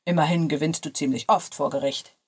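A woman reading the lines of a young male lawyer in a lower, softer, relaxed voice. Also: fairly quick, breathy edge. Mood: teasing.

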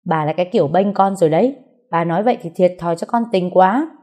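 A woman's voice: fairly low pitch, quick pace, natural voice. A woman reading the lines of a shocked, hot-tempered older husband in a storybook tale. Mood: outraged. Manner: shocked, loud.

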